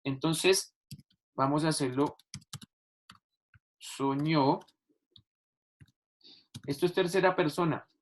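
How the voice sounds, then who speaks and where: Patient male teacher stressing words slowly. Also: on the high side, a little hiss or hum. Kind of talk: online class explanation.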